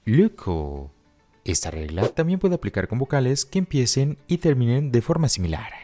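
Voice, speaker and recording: A man explaining pronunciation rules as a teacher in patient, step-by-step scripted narration, slowing down to model example phrases. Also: medium pitch, sing-song, mellow, faint music behind. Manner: models English phrases slowly. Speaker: English teacher.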